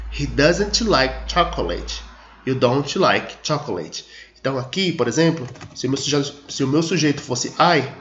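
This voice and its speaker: Man teaching slowly in an echoey room. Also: medium pitch. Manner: explains slowly, stretching example sentences, checks in with students. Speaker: English teacher. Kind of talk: screen-recorded grammar lesson. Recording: echoey room, dull lo-fi audio.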